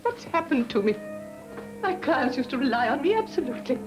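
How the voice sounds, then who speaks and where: A weary, proud old couturière. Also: female voice, high voice, very animated, fairly quick, rough recording. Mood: weary, wistful. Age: older. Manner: weary, wistful and regal. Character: tired aging couturière, proud and lonely. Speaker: aging fashion house owner. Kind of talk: 1950s film acting. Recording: old film soundtrack with music.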